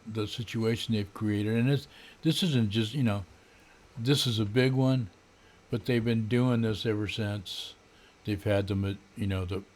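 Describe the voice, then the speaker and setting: Slow, grumbling older American man, ranting. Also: on the low side, darkish tone. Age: older, around 70s. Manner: grumbling old-man rant, disdainful and sardonic; halting, with frequent throat clearing. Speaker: political vlogger. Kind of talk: unscripted political rant to camera. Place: small home room, indoors. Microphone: desk condenser microphone.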